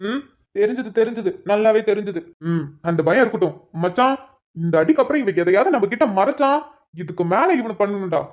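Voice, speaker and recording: A grumbling, joking cartoon friend, voiced by a woman who complains about his troubles and teases his mates. The voice has a middling pitch. The recording sounds dull and lo-fi. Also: expressive, a little fast, a little mellow, close to an everyday voice. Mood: bantering. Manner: complaining, teasing banter.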